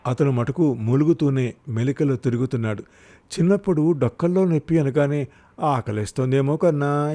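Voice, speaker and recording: A man's voice: medium pitch, mellow. A man narrating a written short story aloud, reading expressively and lifting his voice for the characters' cries.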